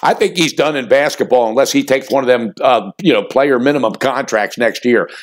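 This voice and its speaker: A man in his fifties hosting a sports betting picks show, talking in a fired-up, folksy way with loud bursts and low asides. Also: a little fast. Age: 50s. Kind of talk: energetic sports picks monologue.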